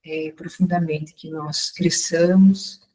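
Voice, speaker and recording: A woman leads a prayer slowly and reverently, with an even, middling pitch. She sounds set back from the microphone, so her voice comes through thin and distant. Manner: slow, calm and reverent. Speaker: group member leading a prayer. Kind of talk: spoken prayer. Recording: distant from the mic.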